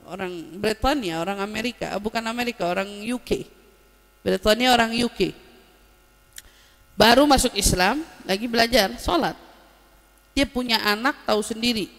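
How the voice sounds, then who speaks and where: A woman giving a lively religious lesson, explaining Arabic terms and telling anecdotes. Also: mid-range voice, long reverb tail. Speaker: Islamic religious teacher.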